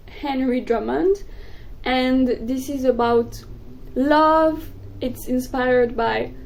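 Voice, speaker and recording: A young woman, a native French speaker, chatting excitedly about books in a casual vlog. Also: a little high, slight background noise, rough recording. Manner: excitable, gushing, quick bursts. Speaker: book vlogger. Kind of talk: casual chat to camera.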